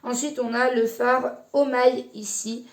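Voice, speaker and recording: Female beauty vlogger, slightly higher voice, hesitant and chatty, casual product review. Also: flat delivery, measured pace. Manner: hesitant, many fillers and restarts, chatty. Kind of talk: casual makeup palette review.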